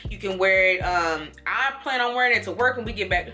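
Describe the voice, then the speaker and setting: A young woman chatting casually through a clothing try-on haul and storytime, animated and laughing as she talks. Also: medium pitch, a little fast, soft background music. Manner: chatty and animated, laughing and doing little quoted voices. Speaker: vlogger.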